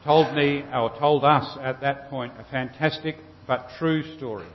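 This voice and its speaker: A man with an Australian accent preaching a sermon with storytelling, unhurried, pausing between short phrases. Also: mid-range voice, a little hiss or hum. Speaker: Lutheran preacher. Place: large reverberant church. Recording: long cathedral-like reverb, slightly dull sound.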